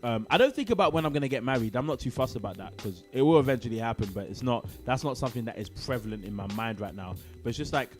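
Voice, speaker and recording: Here's a young man, talking loosely and peppering his speech with street slang. His voice sits at an ordinary middle pitch, and faint music plays softly behind him. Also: fast talker, hardly any pauses. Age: 20s. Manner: relaxed slang-heavy banter. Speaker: podcast co-host. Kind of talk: casual chat.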